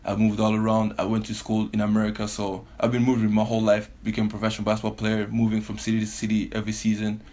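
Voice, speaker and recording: A relaxed man with a fairly low voice, guesting on a casual podcast. He grew up in Belgium and Canada and talks easily, breaking into laughter often. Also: quick pace, few pauses. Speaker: professional basketball player, guest. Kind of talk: casual interview.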